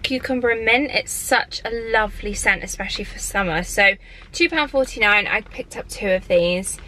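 A woman's voice: mid-range voice, moderate pace, sharp tone, slight background noise, low-quality recording. A woman, chatting casually to a handheld camera about her shopping haul. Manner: chatty, rambling, upbeat. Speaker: lifestyle vlogger. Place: parked car, then a bedroom at home. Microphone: camera held at arm's length.

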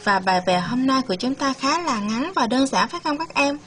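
A woman from Vietnam teaching English to young children, modelling words slowly and emphatically for them to repeat and coaxing them with gentle questions. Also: high-pitched, animated. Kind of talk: bilingual classroom lesson with listen-and-repeat drills.

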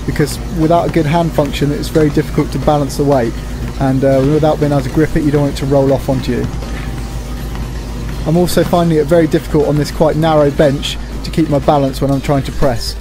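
Demonstrating exercises at the gym, a middle-aged presenter gives plain, practical explanations as he narrates. He talks fast in a fairly high, steady voice, with music playing behind him.

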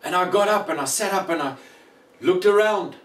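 Male preacher, emotional testimony, long pauses, roomy echo. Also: high voice, fairly bright tone, recorded from a distance. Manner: slow, emotional, dramatic pauses. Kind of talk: testimony sermon.

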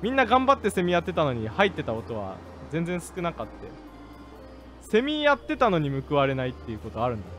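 A man streaming a game, commenting excitedly, jumping from low mutters to rough joking shouts at the characters. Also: a little fast, faint music behind. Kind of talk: gaming live-stream commentary.

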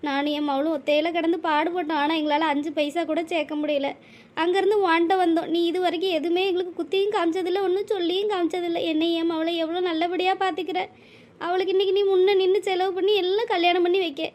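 A woman's voice: very high-pitched, fairly even intonation, quick pace, darkish tone. A woman voicing an anxious, tearful elderly mother in a cartoon, speaking with a pleading, emotional manner. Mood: grateful. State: crying. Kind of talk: cartoon voice acting.

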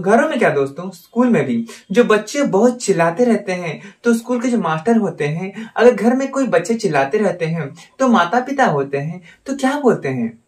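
Lively, repetitive male language teacher. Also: high voice, distant mic. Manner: repeats phrases and quizzes the listener; addresses viewers as friends. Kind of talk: spoken language lesson.

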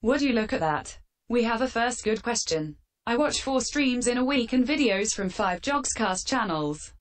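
A woman hosting a fan Q&A with sarcastic, deadpan answers, her voice run through a metallic filter. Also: a little high, moderate pace. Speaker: channel host answering fan questions. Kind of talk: scripted comedic Q&A.

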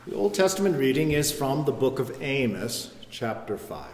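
Male officiant, measured liturgical reading, cathedral echo with long tail. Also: mid-range voice, sing-song, slight background noise. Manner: slow, measured, intoned delivery. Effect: cathedral echo with long reverb. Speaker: priest leading a church service. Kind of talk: liturgical prayer and scripture reading. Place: large church. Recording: echoey large church hall.

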